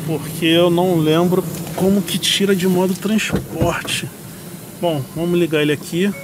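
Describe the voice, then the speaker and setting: A man with a Brazilian accent and a slightly high voice vlogs casually about cars. He thinks aloud in an informal way, in and around parked vehicles, with clear ambient noise behind him. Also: steady tone, a little slow. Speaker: car reviewer. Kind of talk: casual car vlog.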